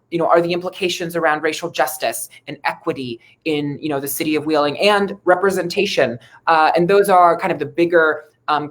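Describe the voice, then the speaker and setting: A deep-voiced woman from Ohio, a city council member, answers interview questions in an American accent. As a local politician she speaks earnestly, in a measured, conversational way.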